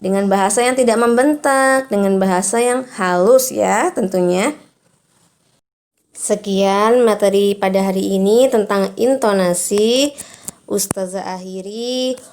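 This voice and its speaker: A woman teacher giving a recorded lesson to young children, explaining slowly and patiently and reading example sentences with exaggerated intonation. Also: medium pitch, a little mellow.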